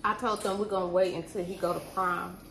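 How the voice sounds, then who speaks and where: A woman's voice: on the low side, steady tone, brisk, creaky, a bit bright. A woman in her thirties chatting casually and bluntly over a meal with her family, teasing and swearing. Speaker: mother hosting a family mukbang vlog. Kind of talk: casual chat while eating. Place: indoors at a table in a bright home room. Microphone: camera across the table. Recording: echoey room with background noise.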